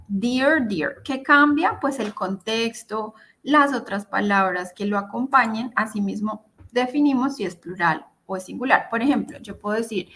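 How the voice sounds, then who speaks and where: Over a video call with a plain computer mic, a woman English teacher with a fairly high voice leads an online grammar lesson. She speaks slowly and deliberately, setting out each step and frequently checking in with her students.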